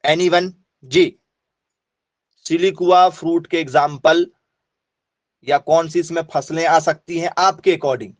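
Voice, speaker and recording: A man's voice: a little high, fairly even intonation, slow, pauses often, no room sound. A male teacher giving an online exam-prep lesson, addressing students directly, repeating points and answering his own questions.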